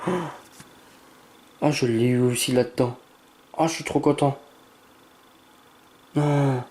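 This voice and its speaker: Opening trading cards for his channel, a man with a mellow voice mutters along slowly, stammering as he reads card names and breaking into excited exclamations. It's nighttime, so he stops himself from shouting and keeps quiet.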